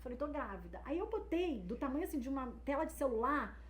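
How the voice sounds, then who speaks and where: Fast-talking woman telling a story. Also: high voice. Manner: animated, quotes people in lively voices. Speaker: guest. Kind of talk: storytelling in casual chat. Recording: echoey room with faint noise.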